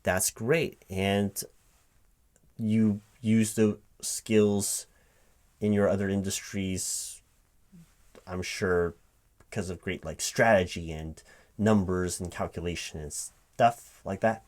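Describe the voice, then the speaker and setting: In a one-sided ASMR job interview roleplay, a man plays a recruiting manager who sounds halting and puzzled, often repeating things back to check them. His voice is low and a little mellow, with a steady tone, while a computer keyboard clacks in the background.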